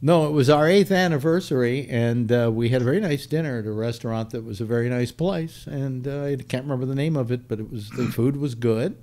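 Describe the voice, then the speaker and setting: A man's voice: medium pitch, fairly quick, few pauses, darkish tone. An older man hosting a casual panel chat, rambling, repeating himself and cracking dry jokes. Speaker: host.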